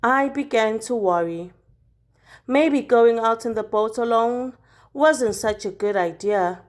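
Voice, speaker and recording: A woman with a fairly high voice reads a children's picture book aloud the way a teacher would. She's expressive and puts deliberate, dramatic emphasis on key words.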